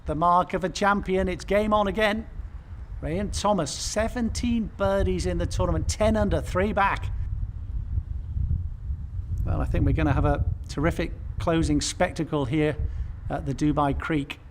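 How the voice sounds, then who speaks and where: A man works as a golf commentator, his voice pitched a little above average. He speaks in measured, understated fragments, following the play shot by shot, with faint background noise behind him. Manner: measured, short understated phrases. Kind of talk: golf tournament television commentary.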